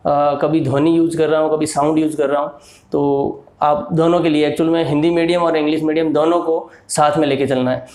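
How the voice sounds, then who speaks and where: Male teacher, slightly high voice, very slow and deliberate delivery, echoey room. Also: a little mellow. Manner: repeats words and examples patiently. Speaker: English teacher. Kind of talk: slow explanatory lesson.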